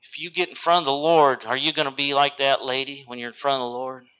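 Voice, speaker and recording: A man preaching a sermon, reading scripture and telling a story, who swings dramatically between loud lines and hushed whispers. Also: mid-range voice, steady tone, quick pace, clear, resonant tone, poor audio.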